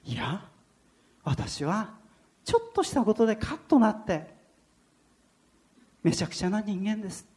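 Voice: medium pitch, very animated, unhurried, long pauses, darkish tone. A preacher voicing a middle-aged male taxi driver who earnestly admits his short temper and speaks of his faith. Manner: earnest, self-effacing confession.

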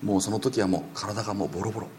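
Male preacher, low gravelly voice, rapid storytelling sermon with faint room noise. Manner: animated, acts out quoted voices, drops to whispers.

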